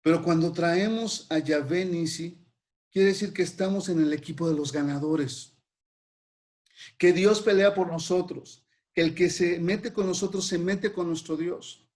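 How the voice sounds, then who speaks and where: A man preaching a sermon, slowly explaining names of God and then leading a prayer. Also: sits high, steady tone, darkish tone. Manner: slow and deliberate, lingering over names.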